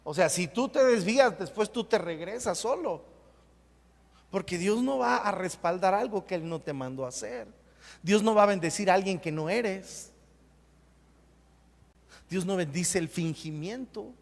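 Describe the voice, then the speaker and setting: A man preaching a sermon as pastor, emphatic and repetitive, with sudden loud bursts. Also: high voice, lively intonation, unhurried, pauses often. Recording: long hall reverb.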